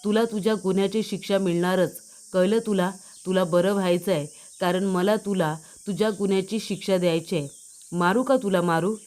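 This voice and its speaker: A woman's voice: mid-range voice, fairly even intonation, fairly quick, a little mellow, natural voice. A woman voicing a furious young man who threatens and taunts a villain in a retold TV drama scene.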